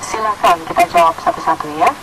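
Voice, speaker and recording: A woman's voice: lowish voice, fast. A woman hosting a live call-in show, addressing guests and reading out listener messages. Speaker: radio call-in host. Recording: very noisy radio-like recording.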